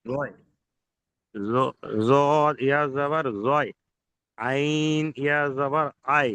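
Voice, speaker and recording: A male student recites Arabic letter drills one after another in a steady, even drone. His voice is bright and very crisp, delivered slowly with little rise and fall, and the recording is dry and close. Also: a little high, no room sound, rough recording.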